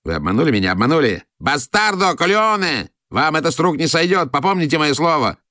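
An excitable Italian count who blusters and shouts, his voice pitched well above the reader's own, as a man puts him on in an audiobook. The delivery swings widely. It is recorded close and dry. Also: fast talker, dry recording. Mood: furious. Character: excitable scheming Italian count, police chief, middle-aged man. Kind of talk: audiobook character voice.

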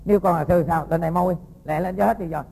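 Monk, kinda high voice with gravel in it, chatty storytelling sermon for kids. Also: male voice, fast talker, poor audio. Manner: lively, folksy, quizzes the audience. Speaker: Buddhist monk teacher. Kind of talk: storytelling sermon to young students.

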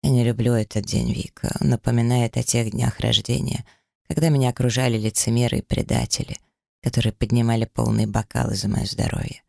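A man's voice: mid-range voice, fairly even intonation, a little fast, creaky, dark tone, dry recording, studio quality. A man voicing a withdrawn, guarded man in an audiobook, speaking in a subdued, heavy way. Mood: weary. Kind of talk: audiobook character reading.

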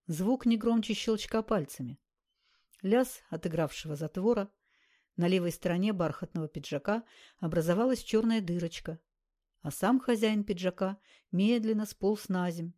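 A woman reading a crime audiobook aloud in a steady narrating voice. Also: lowish voice. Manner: steady storytelling. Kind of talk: scripted narration.

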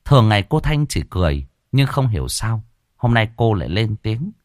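Brief: expressive male horror narrator, low and animated, faint music behind. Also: normal speed, no room sound, studio quality. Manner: expressive storytelling. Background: faint background music.

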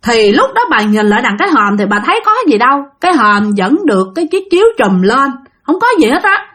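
A woman's voice: on the high side, sing-song, brisk, a bit bright. A woman with a Southern Vietnamese accent telling a ghost story in a chatty way, speaking straight to her listeners. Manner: chatty, addresses listeners directly.

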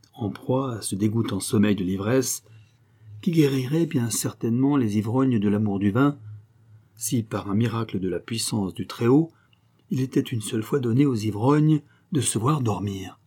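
A man narrating a classic novel aloud in a measured, even storytelling manner. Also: mid-range voice, slightly rough. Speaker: audiobook reader.

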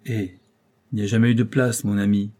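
A man's voice: fairly low pitch, little pitch movement, fairly quick, mellow, close to an everyday voice. A man reading an audiobook, voicing a scheming aging job broker who talks in a coaxing, lecturing, ironic way. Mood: reassuring. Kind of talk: audiobook character voice.

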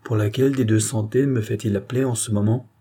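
A man playing a calm courtly doctor. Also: on the low side, quick pace, natural voice. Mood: measured.

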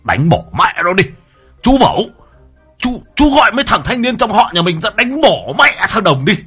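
A man voicing a furious bald old man who shouts threats. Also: high voice, sing-song, moderate pace, husky, faint music behind, voice pushed up, heavily acted. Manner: shouting through gritted teeth.

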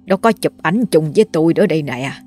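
A woman's voice: low voice, expressive, fast talker, darkish tone, soft background music. A woman voicing a frightened older man in a spoken horror story, stammering and trembling as he talks. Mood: anxious. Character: frightened older man, guilty civil servant.

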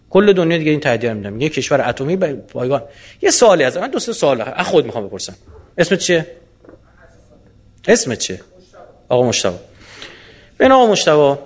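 A man answering audience questions in a colloquial lecture, animated and full of rhetorical questions. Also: fairly high pitch.

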